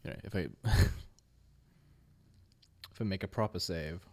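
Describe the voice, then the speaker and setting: Deep-voiced man rambling over a game. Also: measured pace, a little mellow. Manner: rambling, self-deprecating, swears casually. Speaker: streamer. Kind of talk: casual gaming commentary.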